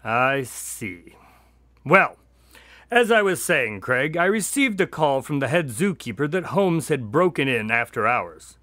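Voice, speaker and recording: An actor playing Watson as a dry, exasperated but dutiful friend telling a story in a radio drama. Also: male voice, mid-range voice, very animated, measured pace, sharp tone, dry recording.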